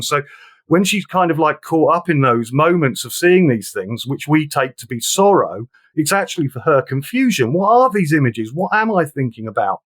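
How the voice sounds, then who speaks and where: A man talking through a film in a casual discussion, earnest and reflective, sometimes reading passages aloud. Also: fairly high pitch.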